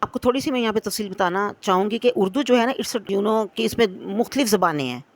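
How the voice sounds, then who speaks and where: A woman's voice: mid-range voice, lively intonation. Woman teacher, patient children's lesson read, mid-range voice. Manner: patient, drills words slowly for repetition; mixes in English phrases. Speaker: Urdu teacher.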